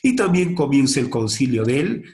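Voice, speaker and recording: A male teacher in front of his class, firing off a question and then giving the answer himself. His voice sits at an ordinary middle pitch but climbs sharply on each question, so the lesson has an eager, call-and-response feel. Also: normal speed. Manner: asks questions and answers them himself, lively rises in pitch.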